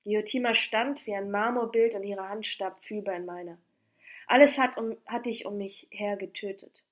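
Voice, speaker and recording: A woman narrating a classic novel as an audiobook, expressive and declamatory. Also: mid-range voice, moderate pace. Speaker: audiobook reader.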